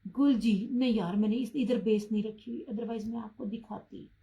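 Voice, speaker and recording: High-voiced woman selling clothes live. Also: steady tone, normal speed, dark tone, highs cut off. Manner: chatty, addresses viewers by name, insists on low prices. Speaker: online clothing seller. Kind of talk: live-stream sales pitch.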